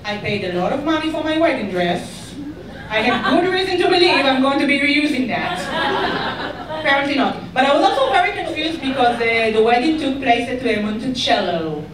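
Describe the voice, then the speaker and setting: A woman from Israel with an Israeli accent doing a stand-up comedy set, deadpan and ironic with bursts of mock outrage. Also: sits high, moderate pace, a crowd in the background. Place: comedy club stage. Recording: echoey club, mic far away, audience noise. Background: audience laughter.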